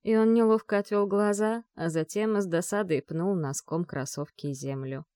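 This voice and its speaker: A woman narrating a novel with a measured, expressive reading. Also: medium pitch, no room sound, clean studio sound. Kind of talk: audiobook narration.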